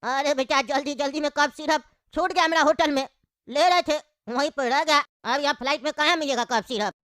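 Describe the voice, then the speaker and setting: A woman's voice: high voice, a little fast, fairly bright tone, no room sound, studio quality. A woman voicing a sick old father in a cartoon, grumbling and coughing between complaints. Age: older. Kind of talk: cartoon voice acting.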